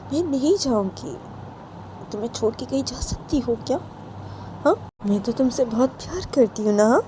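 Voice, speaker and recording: A woman voicing a tender young woman who gently coaxes her weeping partner, asking "haan?" after almost every line. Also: high voice, noisy background, voice pushed up, lightly acted.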